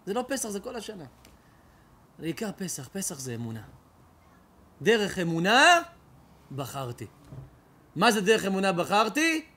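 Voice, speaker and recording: A rabbi delivers an emotional storytelling sermon, swinging from loud outcries to hushed tones. His voice is high and bright, with a forceful edge. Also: sing-song, pauses often, a little hiss or hum. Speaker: rabbi and preacher.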